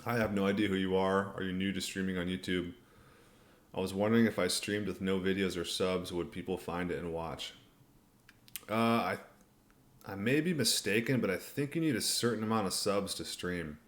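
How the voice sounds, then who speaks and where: A man's voice: low-pitched, moderate pace. A man hosting a casual livestream Q&A, talking in a laid-back, colloquial way as he reads and answers viewer comments. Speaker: livestream host.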